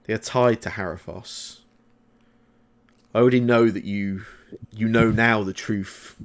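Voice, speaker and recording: Ancient mother goddess for tabletop game, played by a man: unhurried, low-leaning, formal, calm and knowing. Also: a little hiss or hum. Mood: calm, grave. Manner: slow, measured, formal phrasing. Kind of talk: tabletop role-play.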